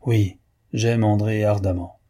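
A man reading the part of a young painter confessing a passionate love, in an earnest, husky voice. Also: lowish voice, fairly even intonation, takes it slowly, mellow. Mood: ardent.

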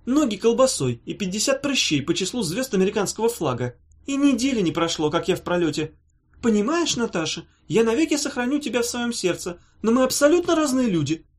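Storybook role: sharp-tongued scornful young woman, sarcastic and high, voiced by a man. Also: very animated, a little fast. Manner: sarcastic, mocking. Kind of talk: audiobook character voice.

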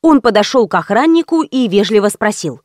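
A woman narrating an audiobook in the first person, with lively, ironic storytelling. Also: medium pitch, fairly quick, no echo, studio quality.

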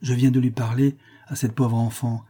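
A man's voice: mid-range voice, little pitch movement, moderate pace, warm tone, breathy edge, close to an everyday voice. A man voicing a kindly old woman who chatters with pity about a poor girl. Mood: sympathetic.

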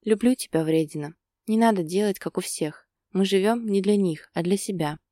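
A woman voicing a calm, teasing man who soothes his partner in a gentle, soothing way. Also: mid-range voice, normal speed, no room sound, clean studio sound, natural voice.

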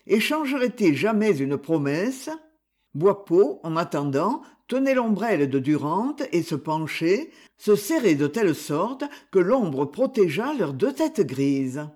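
A man narrating a classic novel as an audiobook, in a measured and expressive way. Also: high-pitched. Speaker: audiobook reader.

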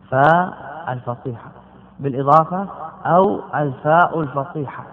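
A man giving a classical Arabic grammar lesson, drilling word forms by repeating them slowly and putting questions to his students. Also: a little high. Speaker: grammar teacher. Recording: tinny phone-like lecture recording.

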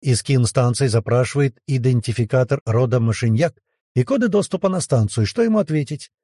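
A man reading the lines of a gruff, taciturn hired spaceship pilot who grumbles his replies in an audiobook. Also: medium pitch, lively intonation, a little fast, mellow, no room sound, clean studio sound, close to an everyday voice. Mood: terse. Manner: grumbling, terse.

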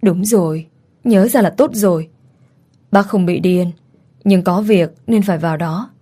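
A woman's voice: on the low side, a little slow, mellow, husky. A woman voicing a frightened older mother who anxiously begs her son in an audio story. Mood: gentle. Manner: pleading, anxious.

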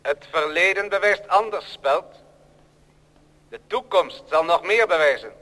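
In an old radio drama, a man voices a coldly menacing machine that produces plates, declaiming ominously and prophesying domination. His high-pitched, bright voice is forceful and exaggerated, with lively intonation at a measured pace, echoing through a long reverberant hall.

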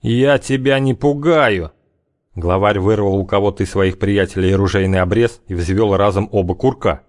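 A man's voice: no echo, studio quality, natural voice. A man voicing a hardened, sinister gang leader who speaks in ominous, weary warnings. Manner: raised pitch, ominous warnings.

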